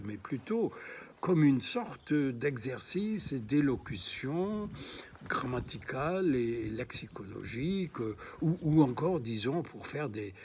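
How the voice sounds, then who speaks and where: A man reading his own literary prose aloud in a halting way, with frequent restarts and filler sounds, and dropping to a whisper at line ends. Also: medium pitch, a little hiss or hum.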